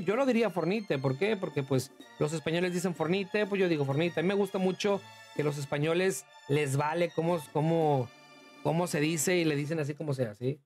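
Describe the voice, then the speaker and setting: A talkative man with a Mexican accent streams a game and chats with viewers, his voice sitting a little high. He calls them "monstruo" as he thanks them, while faint music plays behind him. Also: a little mellow. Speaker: livestreamer. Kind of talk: casual livestream gaming commentary.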